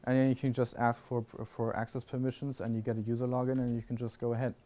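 With a dark, medium-pitched voice that shows little pitch movement, a man talks fast as he answers audience questions on a conference panel. Thoughtful but prone to restarts and fillers, he speaks in a classroom lecture hall with an audience.

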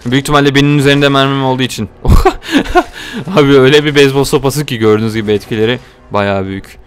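A young man giving casual, joking gameplay commentary, talking to viewers and getting excited during the action. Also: mid-range voice, slight background noise. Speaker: gaming video host.

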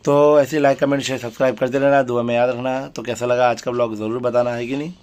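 A man's voice: mid-range voice, little pitch movement, fast talker, a little mellow. A man hosting a casual family vlog, chatty and coaxing a pet cat. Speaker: vlogger.

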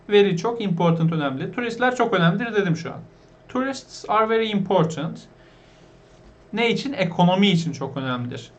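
A man teaching an online English lesson, patiently repeating words and asking his viewers questions. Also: high voice.

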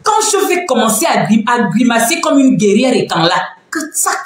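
A woman hosting a casual live stream from home, talking in an animated, teasing way and laughing often. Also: fairly high pitch, normal speed. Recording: very echoey room, faint background noise.

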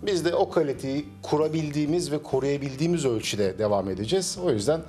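A middle-aged man, a cafe owner, answering interview questions at a measured pace with frequent hesitation fillers, recorded on a handheld mic in a small cafe. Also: fairly high pitch, mellow, soft background music. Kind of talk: business interview.

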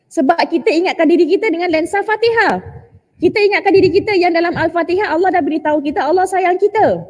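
A middle-aged woman teaching a religious lecture to women, telling stories in an animated way and dropping in English phrases. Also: very high-pitched, fast talker, big-room sound, muffled recording.

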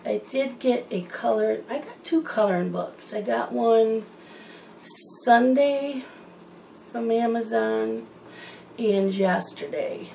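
Slow, gravelly-voiced woman chatting while coloring. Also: a little high, mellow, slight background noise, rough recording. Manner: rambling, chatty, wandering off topic. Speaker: coloring channel host. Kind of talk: casual chat while coloring.

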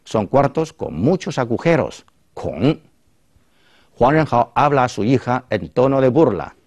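Animated male language teacher, dry sound. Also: medium pitch, unhurried, dry recording. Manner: clear, explanatory, reads and translates phrases. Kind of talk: explaining Chinese to a Spanish-speaking audience.

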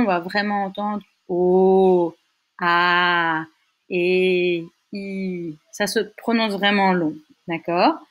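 A young woman teaching a language lesson, patiently sounding out syllables and checking in often with her listeners. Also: medium pitch. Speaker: Dutch teacher. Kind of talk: explanatory lesson.

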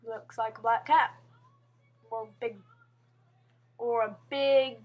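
A young woman talks into her webcam at home with a high, bright-pitched voice. Her delivery is rambling and earnest, full of fillers and false starts. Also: fairly even intonation, slow. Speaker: vlogger. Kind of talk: casual webcam monologue. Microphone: webcam mic.

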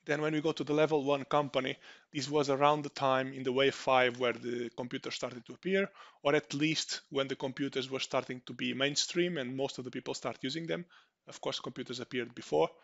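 A man's voice: mid-range voice, steady tone, brisk, creaky, fairly bright tone, muffled recording. A man from Portugal with a Portuguese accent, giving an online conference presentation with frequent restarts and fillers. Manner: hesitant, many restarts and fillers. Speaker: conference speaker.

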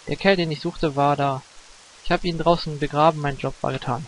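A man's voice: a little high, a little hiss or hum, close to an everyday voice, low-quality recording. A man voicing a weary middle-aged male hitman in his own plain voice, reading game dialogue with restarts.

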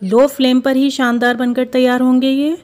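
Woman, fairly high voice, steady recipe narration, home kitchen. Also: normal speed. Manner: steady, instructive, repeats steps. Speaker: cooking show host.

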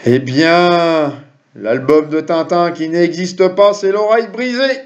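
With a slightly high voice and a slow delivery, a middle-aged man reads quiz questions to camera and jokes chattily with viewers. The setting is a small room at home, captured by a webcam or desk computer mic, giving dull, lo-fi audio.

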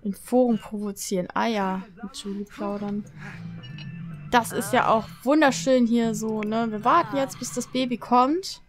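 A young woman with a German accent narrates her gameplay in a high, bright voice. She chatters on excitably, tossing out nervous exclamations and asides to her viewers. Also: measured pace, faint music behind. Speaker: let's play host. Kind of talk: casual gameplay commentary.

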